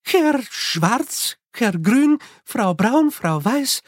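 A man's voice: very high-pitched, sing-song, very slow, no echo, studio quality, voice pushed up, heavily acted. A man voicing a stiff, formal noblewoman who speaks primly.

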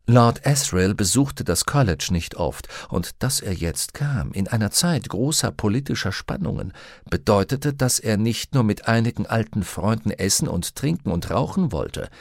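A man reading an audiobook as narrator, telling the story in a steady, measured way. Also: fairly low pitch, no echo, studio quality. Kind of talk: scripted narration.

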